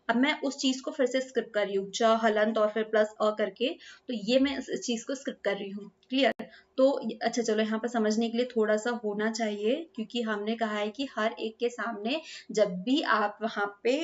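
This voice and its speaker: A woman teaching Hindi grammar, mixing in English words and checking often whether it is clear. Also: a little high, lo-fi sound. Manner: checks understanding with repeated "clear?" and "ठीक है". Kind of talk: classroom explanation.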